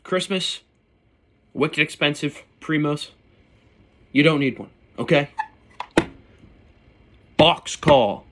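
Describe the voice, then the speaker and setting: A man's voice: fairly high pitch, slow pace, long pauses, a bit bright. A man talking informally and bluntly, with mild swearing and slang, as a hunter casually showing and explaining his gear. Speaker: turkey hunter presenting his calls. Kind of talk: casual hands-on gear demonstration.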